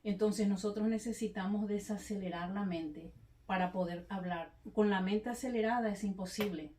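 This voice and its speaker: A woman evangelist calmly explaining ideas about anger and the self in a faith conversation, in a measured, teaching way. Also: medium pitch. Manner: measured, explanatory, with frequent affirming interjections. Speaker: evangelist and speaker. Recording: echoey room, voice from a distance.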